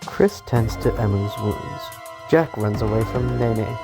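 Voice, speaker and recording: A man's voice: fairly low pitch, measured pace, vocal fry. Guy doing a dramatic reading like a hammy stage actor, music playing behind him. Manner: theatrical, hammy delivery. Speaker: narrator. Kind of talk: dramatic reading of simulated survival-game events. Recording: music under the voice. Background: background music.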